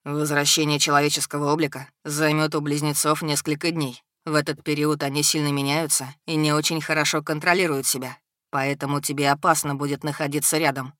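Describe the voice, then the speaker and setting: A woman voicing a stern, powerful male dragon who speaks in a low, even, dry way. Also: a little fast, dry recording. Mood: cool.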